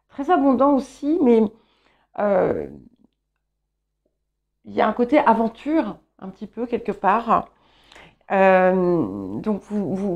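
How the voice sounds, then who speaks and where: Slow, gravelly-voiced woman reading tarot. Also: on the high side, a little mellow, muffled recording. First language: English. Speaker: tarot reader.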